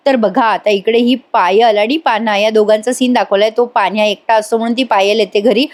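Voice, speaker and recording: A woman's voice: fairly high pitch, steady tone, fairly quick, darkish tone. A woman with a Marathi accent giving a chatty voice-over recap of a TV serial episode, quoting the characters' lines. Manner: chatty, retells scenes quoting characters' lines with light acting. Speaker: serial review narrator.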